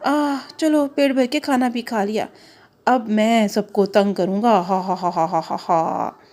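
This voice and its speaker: A woman's voice: medium pitch, slow, darkish tone, voice pushed down, natural voice. A woman voicing a wicked, teasing male caterpillar in a cartoon, menacing and gloating. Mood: sleepy.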